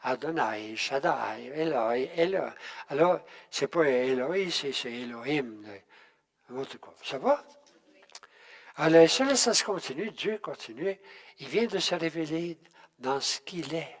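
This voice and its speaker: An older man teaching a Bible class in a halting, conversational way, often restarting and checking in with his listeners. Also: fairly high pitch, expressive. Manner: halting, with many restarts and tag questions. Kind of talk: unscripted Bible class talk.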